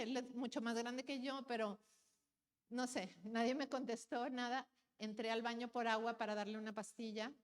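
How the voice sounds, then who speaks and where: A woman speaking at a conference, telling a personal story plainly and earnestly, often turning to the audience with questions. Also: on the high side. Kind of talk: personal testimony talk. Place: large conference hall. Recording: long hall reverb.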